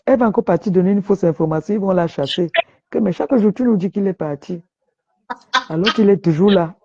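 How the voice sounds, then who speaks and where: A woman with a Cameroonian accent and a deep voice, chatting casually on a live stream and making her points emphatically. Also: brisk, mellow, slight background noise. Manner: emphatic, opinionated storytelling. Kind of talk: casual chat. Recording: dull lo-fi sound.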